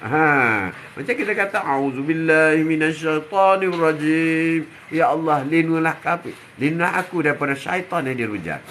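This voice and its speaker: Older male religious teacher. High, bright voice that repeats phrases, fills the gaps with "ha" and draws out his recitations. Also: a little hiss or hum. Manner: repetitive, punctuated with "ha", drawn-out Arabic recitations. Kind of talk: short Islamic sermon.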